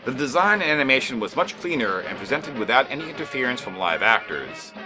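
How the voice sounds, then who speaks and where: A man's voice: mid-range voice, very animated, a little fast. A man reading scripted retrospective narration in a formal, emphatic manner with a wry edge. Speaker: documentary narrator. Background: faint music.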